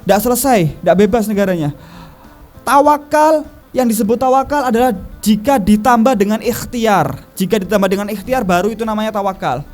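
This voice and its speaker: A man's voice: high-pitched, fairly quick, a little mellow, soft background music. A man preaching a sermon in an emphatic storytelling manner at a religious gathering.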